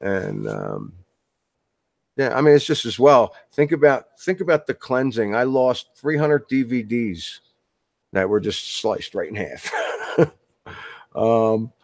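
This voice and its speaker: A man's voice: mid-range voice, big pitch swings, takes it slowly, creaky, pauses often, no room sound, studio quality. A man being interviewed as a guest author, talking in a loose, rambling way with many restarts. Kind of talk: casual interview chat.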